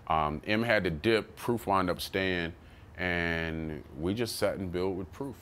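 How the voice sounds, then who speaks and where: Male rapper, low voice, casual and animated storyteller, quotes people in bursts, swears freely. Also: takes it slowly, slight background noise. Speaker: rapper telling his story.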